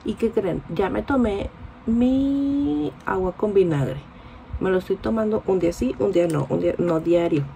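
Chatty Mexican woman vlogger, slightly gravelly. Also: medium pitch, normal speed, warm tone, slight background noise, poor audio. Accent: Mexican Spanish. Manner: chatty, informal, confiding. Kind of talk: casual vlog chat to camera. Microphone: phone camera held close.

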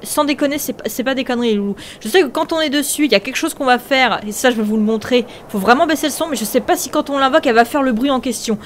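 A young woman hosting a video game, commenting excitably, often shrieking and laughing. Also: high voice, very fast, few pauses, a little hiss or hum. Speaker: gaming video host.

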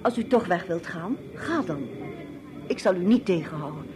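A woman's voice: fairly low pitch, lively intonation, normal speed, noisy background, natural voice. An actress in a 1950s radio drama, playing a composed, resourceful woman who helps a detective and explains things steadily. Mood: urgent, firm. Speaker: detective's wife in a radio play.

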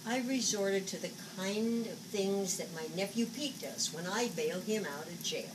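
On a small indoor stage, a woman in her seventies performs as a showy, agitated psychic berating spirits, her mid-range voice lightly acted and her mood bitter and sulky. She shifts dramatically from halting muttering to exasperated outbursts. The recording comes from a camera a few metres off in a noisy room.

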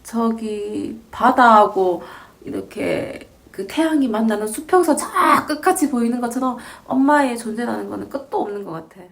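A woman's voice: fairly high pitch, animated, normal speed, hardly any pauses. A woman in her forties, a divorced mother, telling her own story in an earnest, reflective, casual way. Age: 40s. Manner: earnest, reflective, speaks in short informal phrases.

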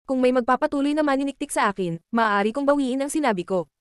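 A woman voicing a cold, ruthless young male martial cultivator who makes flat threats, in a fast-read audiobook. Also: high-pitched, clean tone, no echo, clean studio sound, close to an everyday voice.

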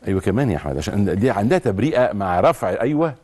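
Fast-talking deep-voiced Egyptian man. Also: breathy edge. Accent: Egyptian Arabic. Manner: lively questioning, directs the cameraman. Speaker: talk show host. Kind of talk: TV interview.

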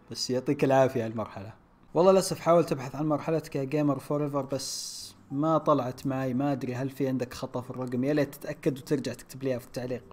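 A young man, playing a platform game on his channel and commenting casually, groaning and shouting as he plays. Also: mid-range voice. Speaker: gaming YouTuber.

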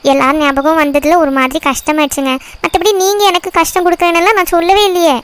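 A young cartoon wife who is homesick but devoted, voiced by a woman. She talks in a soft, pleading way with a very high voice and a quick pace. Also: level tone, no echo. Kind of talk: cartoon voice acting.

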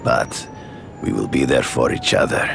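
An actor playing a grave, proud middle-aged big-game hunter in a video game, speaking in formal, grandiose, deliberate phrases. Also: male voice, extremely low pitch, wildly swooping pitch, gravelly, music in the background, heavily acted. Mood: solemn, persuasive.

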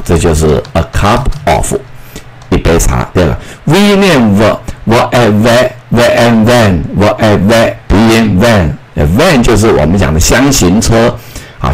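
Slow, lively-voiced male English teacher. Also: fairly low pitch, slight background noise, poor audio. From Taiwan. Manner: repeats words slowly and drills sounds. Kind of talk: phonics lesson for schoolchildren.

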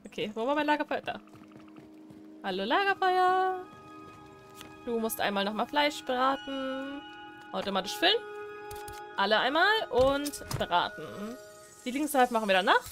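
A young woman giving casual let's play commentary, chatty and excitable, breaking into loud squeals. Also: a little high. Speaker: gaming streamer.

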